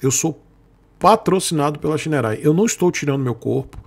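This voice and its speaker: A Brazilian man speaks a little fast in a slightly high, gravelly and expressive voice, chatting casually and at length with viewers he calls "gente." As a sponsored motorcycle creator, he rambles in Brazilian Portuguese, repeating points and coming back around to them.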